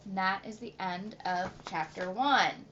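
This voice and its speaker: A teacher reading a storybook aloud. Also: female voice, medium pitch, measured pace. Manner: warm, encouraging. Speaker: third-grade teacher. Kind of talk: reading a chapter book aloud to a class. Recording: slightly muffled home recording with faint hiss.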